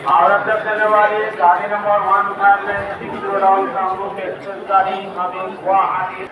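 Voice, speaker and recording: A male railway announcer making a formal, repetitive train announcement over a station PA loudspeaker, heard on a platform. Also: high voice, completely flat delivery, fairly quick. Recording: echoey loudspeaker from far off, crowd noise.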